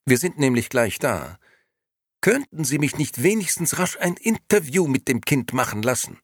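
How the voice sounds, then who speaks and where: A man's voice: mid-range voice, very animated, dry recording, pitched above the performer's own voice. A male reader voicing an indignant, insistent lady reporter in a dry recording. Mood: pushy. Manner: affronted, insistent, fast-talking.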